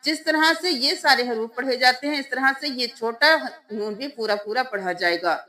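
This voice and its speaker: A woman with a high, light voice and a Pakistani Urdu accent teaches Quran reading. She spells out letters and vowel marks patiently, one step at a time, in a plain lesson style. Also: bright, forceful tone. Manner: patient step-by-step explaining, then slow drawn-out chanting of verses.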